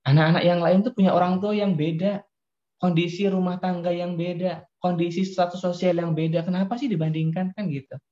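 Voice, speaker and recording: Man, psychologist for a parenting seminar, higher voice, warm and soft, lively and direct with parents, dull lo-fi sound. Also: brisk. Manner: lively, addresses parents directly, often laughs. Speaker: child psychologist speaking to parents. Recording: dull lo-fi recording.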